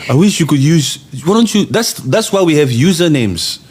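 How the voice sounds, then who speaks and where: The podcast host's voice is on the high side and slightly rough, moving at a normal speed. He chats casually and reads out viewer comments, staying emphatic, laughing often, and repeating phrases for effect.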